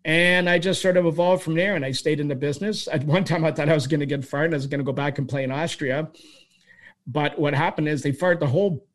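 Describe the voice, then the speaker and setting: A man's voice: fairly high pitch, fast. Rambling storyteller man in his sixties. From Toronto, Canada. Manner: rambling, animated storyteller with frequent restarts. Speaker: guest. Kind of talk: storytelling interview answers.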